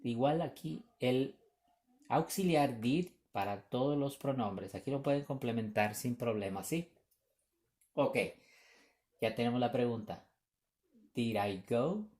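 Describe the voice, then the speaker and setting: Slow, mellow-voiced patient language teacher. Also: mid-range voice. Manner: patient, repeats examples, checks in with students. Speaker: English teacher. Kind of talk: recorded grammar lesson.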